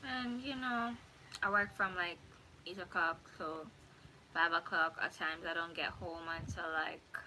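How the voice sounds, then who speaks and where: Young woman from jamaica rambling on a live stream at home, kinda low voice, slow, little bit of background hum. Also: poor audio. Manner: rambling, relaxed, self-correcting. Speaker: YouTuber. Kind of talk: casual live-stream chat. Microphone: phone. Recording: faint background ambience.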